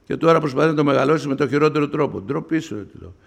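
A man preaching a sermon who swings between hushed and loud, using emphatic rhetorical questions. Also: a little high, lively intonation, vocal fry. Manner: rhetorical questions, acts out quoted voices.

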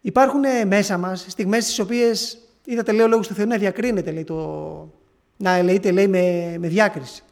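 High-voiced man preaching a testimony. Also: creaky, a little mellow. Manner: earnest, halting storytelling with many restarts. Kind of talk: sermon testimony.

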